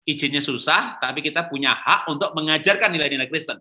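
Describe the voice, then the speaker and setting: A middle-aged man speaks as a pastor in a relaxed question-and-answer talk. His voice is very bright and sits a little high. He tells stories with energy and acts out the quoted lines. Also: quick pace. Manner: lively storytelling, acts out quotes, chuckles.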